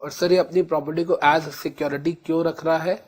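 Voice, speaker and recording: An Indian man teaching law in a lecture, calling his students children and slowly repeating key terms. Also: a little high, steady tone, darkish tone. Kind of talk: classroom lecture in Hindi-English mix.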